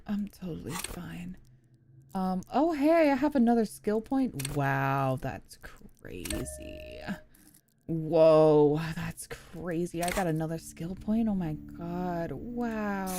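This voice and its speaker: A woman's voice: fairly low pitch, sing-song, slow pace, dark tone, a little hiss or hum. A young woman streaming a video game and chatting about it in a playful, self-mocking way, laughing and swearing. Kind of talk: casual gameplay commentary.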